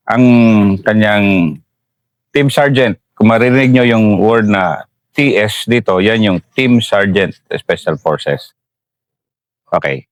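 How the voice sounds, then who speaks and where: Low-voiced colonel host explaining to viewers. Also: male voice, no room sound. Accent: Filipino. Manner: explains to viewers, asks probing follow-ups. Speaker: host, retired army colonel. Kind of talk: interview commentary.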